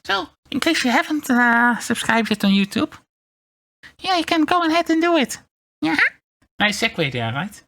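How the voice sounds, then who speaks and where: A man livestreaming in a casual chat, talking in a halting, rambling way with wry, self-deprecating grumbles. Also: very high-pitched, very animated, creaky, background noise. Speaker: VTuber streamer.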